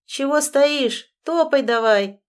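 A woman's voice: a little high, measured pace, lightly acted. A woman doing a coarse sneering young thug. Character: crude scruffy young man, brash bully. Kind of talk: audiobook reading.

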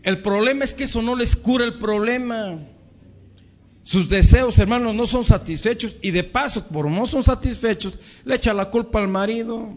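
A man's voice: very high voice, moderate pace, dull audio. A male pastor with a Mexican Spanish accent preaching to his congregation, calling them brothers and acting out quarrels between spouses. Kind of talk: sermon.

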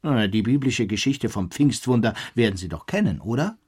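An actor playing an excitable scholarly man who earnestly and emphatically tells his story in a radio play. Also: mid-range voice, normal speed, husky. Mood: absorbed recounting. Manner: emphatic, rhetorical.

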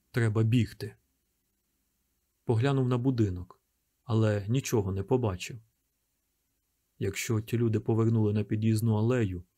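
A man reading an audiobook aloud in a measured, tense storytelling manner. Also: medium pitch, mellow. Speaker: audiobook narrator. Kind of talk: scripted audiobook narration.

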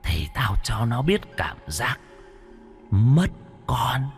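A man voicing a vengeful old woman ghost in a slow, menacing, breathy whisper. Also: mid-range voice, sing-song, in a large hall, faint music behind, voice pushed up, exaggerated voice.

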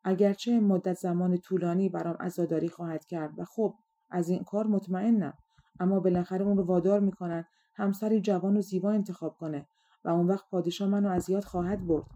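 Grieving storybook queen, plaintive, read by a woman; lowish, mellow tone. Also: fairly even intonation, lightly acted. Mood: mournful. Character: sorrowful young exiled queen.

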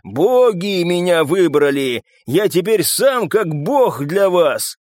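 A man's voice: high voice, big pitch swings, no echo, studio quality, voice pushed up, exaggerated voice. A man doing a roaring berserk brute. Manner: roaring, slow and drawn-out. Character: brutal berserk male fighter.

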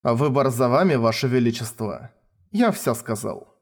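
Man reading an icy, composed colonel. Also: mid-range voice. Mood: calm. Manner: calm, icy, measured. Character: cold, composed male colonel, schemer.

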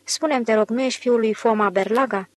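A man's voice: high voice, dry recording, clean studio sound, natural voice. A woman reading the part of a fat man who acts like a dog, polite and curious.

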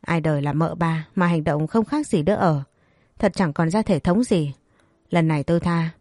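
A strict older matriarch of a wealthy house, laying down the rules in a stern, lecturing way, as a woman reads her. The voice is low and warm. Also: moderate pace, no room sound, studio quality.

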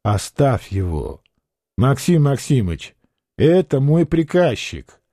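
A man voicing a calm shrewd merchant. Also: fairly high pitch, dry recording, studio quality. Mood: cold. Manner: measured, quiet, firm.

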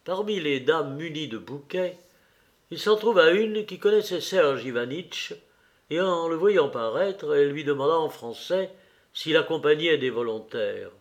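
A man reading a classic novel aloud in a measured, steady way. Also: a little high. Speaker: audiobook reader.

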